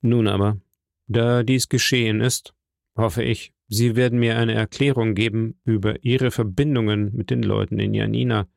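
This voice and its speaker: A man's voice: lowish voice, level tone, moderate pace, gravelly, dry recording, studio quality. A man voicing a formal male journalist who asks politely but insistently for an explanation.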